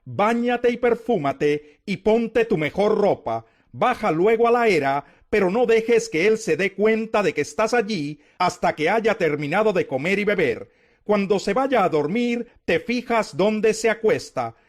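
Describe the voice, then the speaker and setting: Man reading as a high-voiced, caring older mother-in-law. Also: expressive, measured pace. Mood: caring instruction. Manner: motherly, advising. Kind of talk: scripted scripture dialogue.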